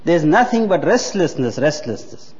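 A man's voice: on the high side, sing-song, normal speed, a little mellow. A man, preaching a sermon earnestly and repeating words for emphasis. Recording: muffled hall with long reverb.

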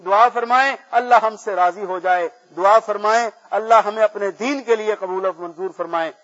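A man leading a slow, drawn-out prayer at a gathering. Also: high-pitched, fairly bright tone. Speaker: prayer leader. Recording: muffled and distant from mic.

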